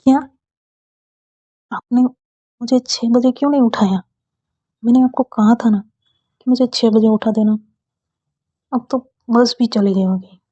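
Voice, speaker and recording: A woman's voice: a little high, unhurried, long pauses, mellow, husky, no echo, lo-fi sound, voice pushed up. A woman voicing a sleepy young woman who keeps pleading for more rest in a storybook romance. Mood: flustered.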